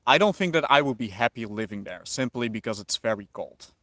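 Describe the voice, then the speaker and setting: Fairly quick in a mid-range voice, a man from the Netherlands with a slight Dutch accent chats with livestream viewers, reading their messages and pondering answers in a relaxed way. The audio is studio quality with no room sound.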